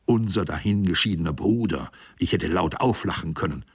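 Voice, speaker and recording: A man voicing a feverish, raving old ship's mate who mocks and rants, his voice gravelly and breaking into shrill shrieks. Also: moderate pace, dry recording, studio quality. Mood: scornful. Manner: mocking, ranting, voice cracks into shrieks.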